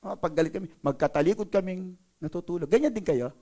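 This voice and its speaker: A man's voice: sits high, fast, mellow. A male pastor preaching a sermon in a playful way, joking with the congregation. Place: church service.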